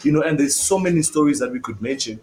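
A man's voice: medium pitch, expressive, quick pace, a little mellow, a little hiss or hum, rough recording. A young man co-hosting a casual faith podcast, talking earnestly and rambling with many fillers. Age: young adult. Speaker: podcast co-host.

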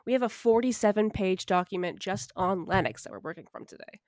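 This podcast co-host is a woman with a medium-pitched, darkish voice who talks a little fast, recorded with studio quality and no room sound. Though ill and slightly nasal and scratchy, she chats casually, poking fun at herself and laughing frequently.

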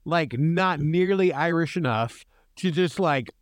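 A man's voice: measured pace, clean tone, no room sound, studio quality. A man co-hosting a casual film podcast, chatty and full of fillers. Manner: wide-swinging pitch, chatty with fillers. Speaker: podcast co-host.

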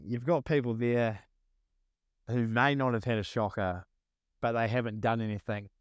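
A man's voice: mid-range voice, fairly even intonation, moderate pace, dry recording, clean studio sound. A man with a broad New Zealand accent chatting casually, rambling and repeating his phrases in slangy talk. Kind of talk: casual chat.

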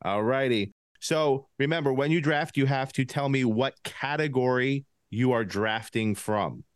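A man's voice: medium pitch, a little slow, clear, resonant tone, dry recording, studio quality. A man with a lisp hosting a casual podcast game, laughing often as he runs the draft.

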